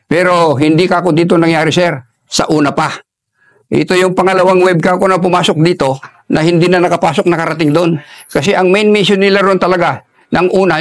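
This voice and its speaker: An older man, an army veteran, telling a war story in an interview in a halting way, with many restarts, and dropping his voice for quoted lines. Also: high voice, dry recording, studio quality. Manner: halting, restarts often while recalling combat.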